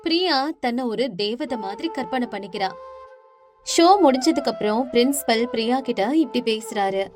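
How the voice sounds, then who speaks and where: A woman giving scripted narration for an animated moral story. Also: fairly high pitch, moderate pace. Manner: clear, storytelling. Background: music.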